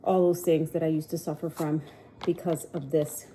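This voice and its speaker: A woman's voice: sits low, level tone, normal speed, dark tone, slight background noise, poor audio. A middle-aged woman with a cold, chatting upbeat and straight to camera in a casual vlog. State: sniffly with a cold. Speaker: lifestyle vlogger.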